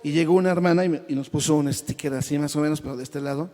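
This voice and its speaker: A man gives a church testimony about his conversion, talking rapid-fire in a somewhat high, darkish voice with fairly even intonation. He's full of emotion, tripping over repetitions and addressing the audience as brother, and a long hall-like reverb follows every phrase.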